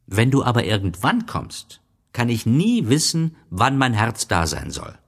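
A man voicing a wise, gentle fox in an audiobook reading, explaining things patiently and with a wistful tone. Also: medium pitch, wildly swooping pitch, unhurried, gravelly, slightly rough, pitched above the performer's own voice, full character voice.

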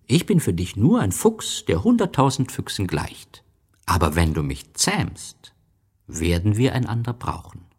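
A man voicing a wise, gentle fox in an audiobook reading, explaining things patiently and with a wistful tone. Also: lowish voice, sing-song, a little slow, slightly rough, pitched above the performer's own voice, full character voice.

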